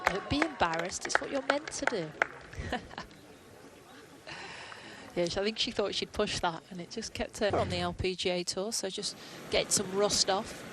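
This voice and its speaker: A woman's voice: medium pitch, normal speed, hardly any pauses. A woman working as a golf commentator, giving conversational live analysis of play. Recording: outdoor broadcast with background noise.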